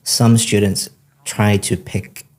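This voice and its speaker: Male English coach, low and mellow, patient and encouraging in feedback. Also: little pitch movement, takes it slowly. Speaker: English speaking-test coach. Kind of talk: spoken feedback to a student.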